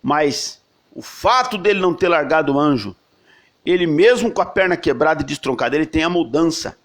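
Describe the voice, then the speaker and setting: A man's voice: a little high, animated, fairly quick. A man preaching a sermon as a pastor, telling the story vividly and emphatically.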